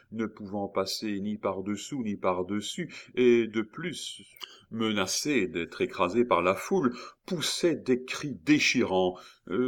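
A man narrating a classic novel in a measured reading with occasional hesitant fillers. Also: on the low side. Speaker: audiobook narrator.

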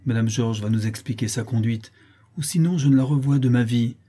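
A man's voice: mid-range voice, brisk, mellow, slightly rough, natural voice. A man voicing a proud farm mistress and mother, exclaiming in indignation, for a storybook reading. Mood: stern.

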